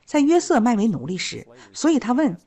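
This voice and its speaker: Woman with a lively, rising-and-falling voice. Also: on the high side, brisk, breathy edge. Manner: retells the scripture story in plain storytelling. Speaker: Bible teacher. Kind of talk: Bible story teaching.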